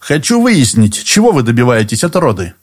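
A man reading an audiobook, voicing a calm, persistent lawyer who speaks evenly and deliberately. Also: mid-range voice. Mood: calm, insistent. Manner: even, deliberate and insistent.

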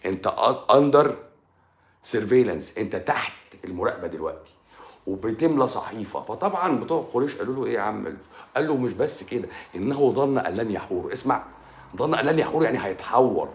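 Egyptian male speaker, lively religious live-stream talk, rapid delivery, roomy echo. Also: on the low side. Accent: Egyptian Arabic. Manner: animated, addresses listener directly, repeats phrases.

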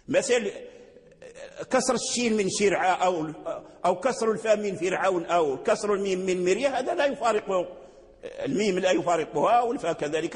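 A man with a Moroccan accent teaching Quran recitation rules in a religious lecture, repeating words and answering his own questions. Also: high-pitched. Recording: long hall reverb.

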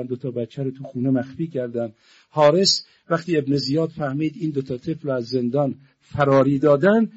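A middle-aged man preaching a mourning sermon, telling a story that moves from hushed narration to loud, lamenting passages. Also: husky, highs cut off. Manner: starts hushed, builds to loud, high-pitched lament.

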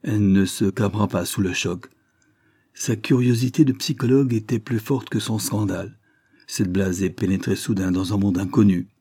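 A man reading a literary short story aloud in a measured, expressive narration. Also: fairly low pitch, husky, no echo, studio quality. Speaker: audiobook reader.

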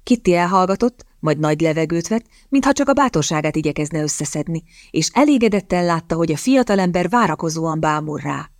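Low-voiced woman narrating a novel. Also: lively intonation, few pauses, dry recording, studio quality. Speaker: audiobook narrator. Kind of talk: scripted audiobook narration.

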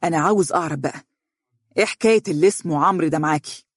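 A man's voice: on the high side, very fast, no echo, clean studio sound, lightly acted. A man voicing a jealous, resentful engineer with an Egyptian accent in an audiobook. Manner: resentful, mocking. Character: jealous, angry male engineer, adult. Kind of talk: audiobook character reading.

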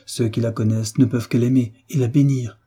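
A man's voice: mid-range voice, fairly even intonation, brisk, warm tone, slightly rough, close to an everyday voice. A man voicing an earnest, resolute young man pleading with his father. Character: young nobleman son, earnest, devoted, resolute.

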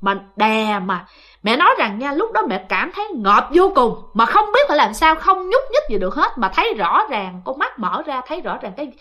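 A woman's voice: high-pitched, big pitch swings, moderate pace, sharp tone. A woman telling ghost stories in a chatty, casual way, often speaking straight to her listeners. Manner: chatty, addresses listeners directly, lots of fillers. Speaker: ghost story narrator. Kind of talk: casual spoken storytelling.

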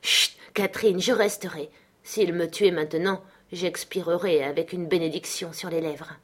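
Woman reading a brooding intense man, urgent and forceful, lowish voice. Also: fairly even intonation, moderate pace, breathy edge. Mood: fierce. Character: passionate brooding man, fierce lover.

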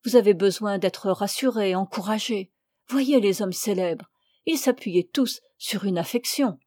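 A woman's voice: medium pitch, a little slow, dark tone, no room sound, lightly acted. A woman reading the part of a pushy, flirtatious middle-aged bourgeois lady, with insistent, probing questions, in a storybook reading.

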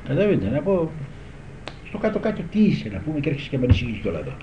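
This older guitar teacher reminisces conversationally and drifts from point to point, frequently checking that his listeners follow him. His slightly high voice swings hugely in pitch over a noisy background, on dull old tape in an echoey room.

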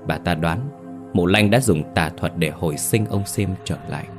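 A man reading a horror story aloud in a steady, measured narration. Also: deep voice, soft background music.

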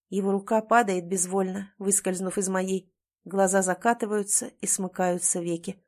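High-voiced woman reading a dramatic audiobook. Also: darkish tone. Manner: emotional, voices the heroine's pleading and panic. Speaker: audiobook narrator.

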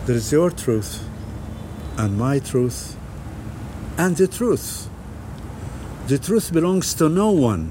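A man speaking English slowly and poetically. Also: a little high, very animated, dark tone, slight background noise. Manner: slow, poetic. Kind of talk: reflective speech in English.

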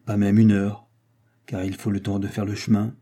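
A man reading aloud, voicing a rigid young nobleman who speaks gravely and resolutely. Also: on the low side, level tone, moderate pace, warm tone. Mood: grim.

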